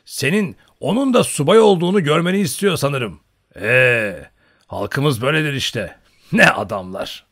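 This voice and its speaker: A man voicing a loud, hearty old male Cossack hunter in an audiobook, booming and teasing. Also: expressive, moderate pace. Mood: teasing banter. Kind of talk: audiobook character voice.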